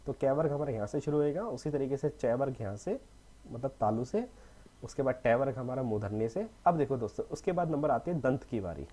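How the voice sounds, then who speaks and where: A man's voice: medium pitch, expressive, a little fast, mellow, husky. A young man teaching a casual lesson, often checking in with "okay" and slipping in English words. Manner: repetitive, mixes in English words, frequent "theek hai".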